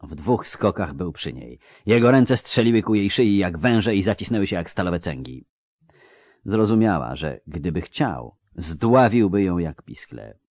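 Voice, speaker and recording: Lively low-voiced male narrator. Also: measured pace, no room sound. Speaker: audiobook narrator. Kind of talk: scripted narration.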